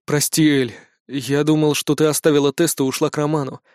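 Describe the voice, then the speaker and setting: A man reading an audiobook, voicing a stern man who speaks low and reproachfully. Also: level tone, fairly quick, a little mellow, smooth, no room sound, studio quality, lightly acted. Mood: regretful. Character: grown man, stern and cold.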